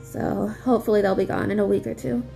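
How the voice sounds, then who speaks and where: A woman's voice: medium pitch, steady tone, fast talker, gravelly, warm tone, faint music behind. A woman giving a casual video diary as a patient, talking carefully because her mouth is sore and it hurts to speak. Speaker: patient vlogger.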